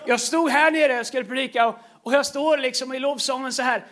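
High-pitched male preacher, animated storyteller, stumbles through fillers and laughs mid-sermon. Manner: animated, breaks into laughter, frequent fillers and repeated words. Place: large church stage.

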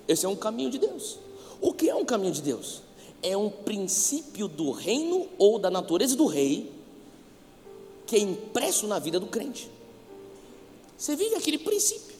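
A man's voice: high voice, darkish tone, long reverb tail. A Brazilian man preaching a passionate sermon as a pastor, calling on listeners to repeat his words. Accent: Brazilian Portuguese.

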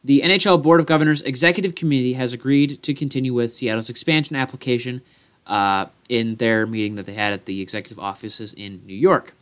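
A man's voice: medium pitch, fast talker, fairly bright tone. A man hosting a podcast in casual sports talk. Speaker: podcast host.

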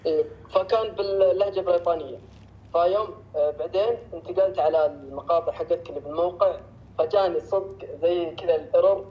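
A man's voice: high-pitched, fast. A man calling in to ask for advice, speaking hesitantly and checking in with short questions. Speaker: caller asking for advice. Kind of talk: casual chat. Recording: dull lo-fi call with faint noise.

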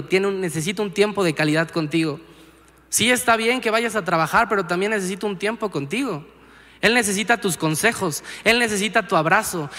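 A man's voice: high-pitched, sharp tone. A young man preaching a sermon in a church, earnest and talking straight to the listener. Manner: earnest, keeps asking "¿sabes?" to the listener. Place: church auditorium. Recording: reverberant church hall.

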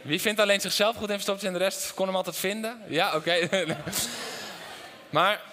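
Pastor preaching in an echoing church hall. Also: male voice, high-pitched, fast. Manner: personal storytelling with questions to the congregation; swings between loud animated stretches and quiet intense ones. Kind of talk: sermon. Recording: long hall reverb.

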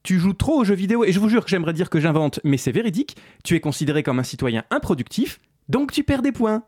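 A male host delivering sarcastic commentary in an animated, swooping voice. He speaks with biting irony and addresses the listener directly. The sound is dry and close. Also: high-pitched, quick pace, husky, no room sound. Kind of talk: sarcastic commentary video essay.

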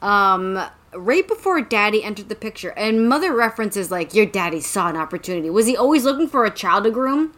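A young woman co-hosts a podcast, talking through a story recap in relaxed, casual chat. She drops wry, sarcastic asides and swears casually along the way. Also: fairly high pitch, moderate pace, few pauses. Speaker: podcast co-host.

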